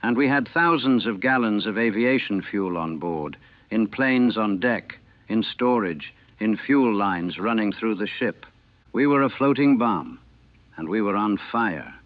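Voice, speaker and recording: Heard on a dry, tinny, narrow-band recording from the 1940s, an ex-navy cook shares firsthand war memories. His lowish, expressive voice comes out in terse sentence fragments, grave and measured.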